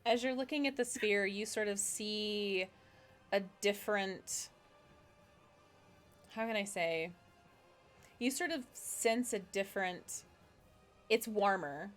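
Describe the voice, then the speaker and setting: A woman's voice: medium pitch, takes it slowly, pauses often, soft background music. A woman narrating as game master in a tabletop game, describing scenes while searching for words.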